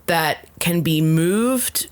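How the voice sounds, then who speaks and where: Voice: medium pitch, animated, drawn-out words, no room sound. A podcast co-host chatting casually, hesitant with many fillers. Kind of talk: casual chat.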